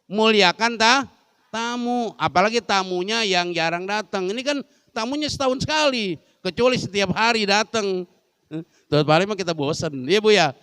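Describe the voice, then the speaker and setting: A man leads a light-hearted religious lesson, teasing and questioning the women in his audience. His voice sits a little high and comes across smooth and clear. The sound is dry and close, with no room echo. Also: fairly bright tone. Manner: joking, keeps quizzing the women listeners. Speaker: religious teacher. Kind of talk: humorous Islamic study lesson. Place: large mosque.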